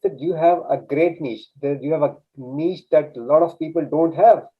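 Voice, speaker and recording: This guest coach, a native Urdu speaker, recounts a story in a casual interview chat, earnest and informal and frequently starting over. His voice is a little high and breathy-edged, at a moderate pace, over dull lo-fi sound.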